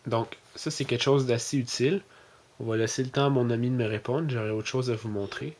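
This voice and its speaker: A man with a Québécois French accent hosting a casual tech demo, talking hesitantly with many fillers and speaking louder and slower when he gives his phone voice commands. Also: mid-range voice, fairly even intonation, a little hiss or hum. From Quebec, Canada. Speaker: tech video host.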